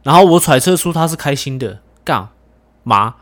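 A young man hosting a casual podcast chat, animated and teasing, swearing casually. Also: mid-range voice, normal speed. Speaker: podcast host.

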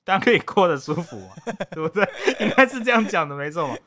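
A man's voice: high voice, animated, quick pace, pushed and bright. A man hosting a comedy podcast, teasing his guest and laughing often as they banter. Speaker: podcast host.

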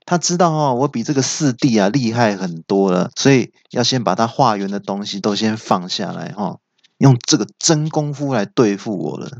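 A man's voice: lively intonation, creaky, dry recording, highs cut off. A man voicing a brash, boastful male martial-arts thug who bellows his move names. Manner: shrill, bragging, yells move names slowly.

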